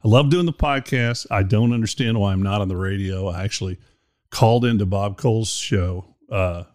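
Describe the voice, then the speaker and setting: Brief: male podcast host, low voice, dry close sound, rambling chatty delivery. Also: normal speed, darkish tone, no echo. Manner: rambling, chatty, self-deprecating. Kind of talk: casual chat. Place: indoor room.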